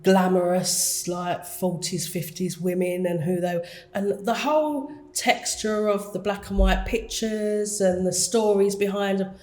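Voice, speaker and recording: A woman's voice: medium pitch, fairly even intonation, measured pace, dark tone. A woman with an Essex accent, a guest artist telling her story in a down-to-earth, hesitant, chatty way. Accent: Essex English. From Essex, England. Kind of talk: casual interview chat.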